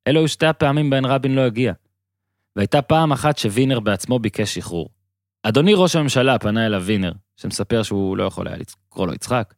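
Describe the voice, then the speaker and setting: Guy reading his column out, measured and steady, goes quieter on quotes, dead dry mic. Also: mid-range voice, no room sound. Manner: measured storytelling, dropping quieter on quoted lines. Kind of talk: scripted narration.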